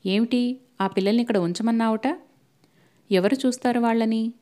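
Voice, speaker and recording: A woman voicing a sharp-tongued young woman who scolds and shouts in anger. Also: a little high, fairly even intonation, normal speed, voice pushed up, close to an everyday voice. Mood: indignant.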